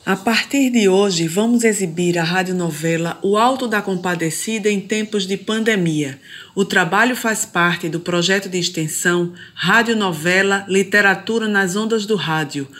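A woman's voice: medium pitch, fairly bright tone. A woman presenting a radio programme from a script.

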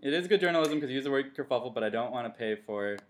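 A man hosting a casual podcast, rambling and often trailing off into quiet mumbles. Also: mid-range voice, lively intonation, racing. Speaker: podcast host.

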